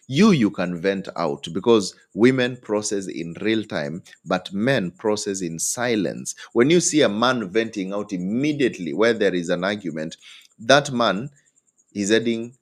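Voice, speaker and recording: A man giving relationship advice, his speaking voice sitting on the low side. He talks animatedly and acts out both partners in an argument, jumping high in pitch for their lines. He keeps the audience with him through frequent "hmm?" and "eh?" checks. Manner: tag questions like "hmm?" and "eh?".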